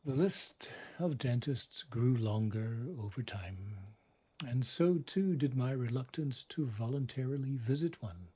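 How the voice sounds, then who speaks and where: A scripted bedtime story is narrated by a middle-aged man whose husky, mellow voice keeps a medium pitch and often slips into a whisper. He reads expressively, with a wry, dramatic, deliberate touch.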